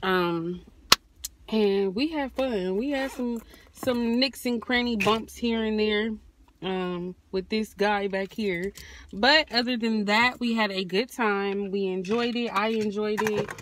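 A woman's voice: mid-range voice, slow pace, slight background noise. Chatty woman vlogging from her car. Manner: chatty, keeps addressing viewers as y'all. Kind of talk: casual vlog chat. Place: in and around a car on a hot day.

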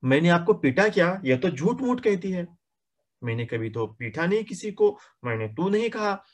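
A man's voice: high-pitched, big pitch swings, normal speed, voice pushed up. A man voicing a cheeky little boy from a story who protests that he is innocent. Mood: protesting. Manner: protesting, indignant.

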